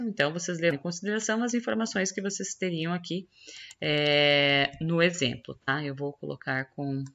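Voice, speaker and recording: A woman teacher with a Brazilian Portuguese accent, going through the answers to a school exercise and slowing down to spell out each word. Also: low-pitched, vocal fry, pushed and bright, dull audio. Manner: explanatory, stretches words slowly while spelling out answers. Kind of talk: correcting a school exercise on screen.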